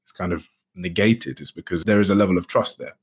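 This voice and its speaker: A man being interviewed as a guest, speaking in a relaxed, rambling way with many "you know"s and restarts. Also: sits low, fast, slightly rough. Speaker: guest, actor and game studio founder. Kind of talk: casual interview chat.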